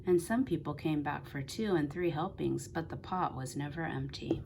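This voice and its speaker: A woman reading a children's story aloud with expressive storytelling delivery. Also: low voice, moderate pace, creaky, background noise. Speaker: storybook reader.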